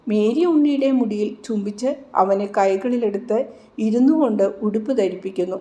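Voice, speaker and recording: A woman narrating a devotional story aloud in a slow, reverent manner. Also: medium pitch, dark tone.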